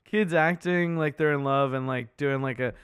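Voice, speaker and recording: A man's voice: mid-range voice, normal speed, clear, resonant tone, no room sound, studio quality. A man co-hosting a podcast, recapping a movie in casual chat and acting out the characters' lines. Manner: animated, acts out characters' lines in quotes. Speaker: podcast co-host.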